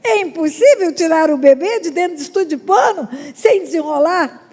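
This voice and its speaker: A woman pastor preaching a sermon with emphatic loud rises and drawn-out words. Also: very high-pitched, lively intonation. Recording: long reverb of a large hall.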